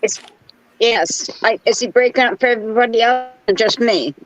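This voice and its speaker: A woman's voice: fairly high pitch, moderate pace, rough recording. A woman chatting casually on a video call whose audio is choppy and glitches in and out. She keeps checking how she sounds to the others. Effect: choppy, glitching video-call audio that cuts in and out. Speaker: livestream viewer calling in. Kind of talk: casual chat.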